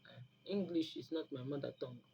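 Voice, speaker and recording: She talks fast in a rumbling low, gravelly, warm voice, carrying a Nigerian Igbo accent as a native Igbo speaker. As an online video host sharing herbal remedies, she gives an informal, instructive talk to camera, emphatic and preachy, repeating phrases for stress. Noticeable background noise is present.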